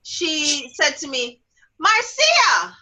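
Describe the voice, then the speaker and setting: A middle-aged woman hosts a casual talk show, speaking a little slowly on a low-quality recording. She tells stories animatedly, laughs often and acts out quotes with big jumps in pitch.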